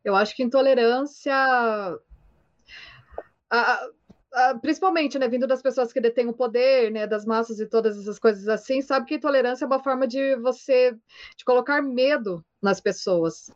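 A woman's voice: fairly high pitch, normal speed. A woman with a slightly raised voice speaks hesitantly, repeating words and checking in with short tag questions. The recording is dull and lo-fi. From Paraná, Brazil. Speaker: discussion participant. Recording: dull lo-fi sound.

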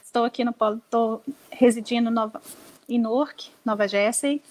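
A woman's voice: fairly high pitch, fairly even intonation, normal speed, darkish tone, low-quality recording. A woman introduces herself as a student guest on an interview program. She speaks in short phrases and now and then restarts a word. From Minas Gerais, Brazil. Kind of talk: interview answers.

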